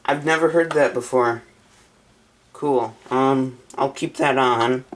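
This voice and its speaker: A man vlogs the unboxing and setup of a weather radio, casually reading off menu options as he decides between them. He speaks at a medium pitch and a slow pace, with slight background noise.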